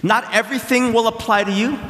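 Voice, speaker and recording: A man's voice: extremely high pitch, steady tone. Korean-born man preaching in an echoey hall. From South Korea. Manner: warm self-deprecating humor, conversational pauses. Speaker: pastor. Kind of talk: sermon. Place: large hall. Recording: echoey hall with long reverb.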